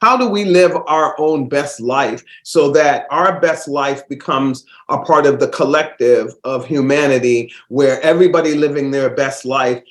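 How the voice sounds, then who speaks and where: A man with a medium-pitched voice hosts a casual podcast on his own, congested from a cold, and the room around him echoes. He rambles good-naturedly, with lots of fillers and restarts.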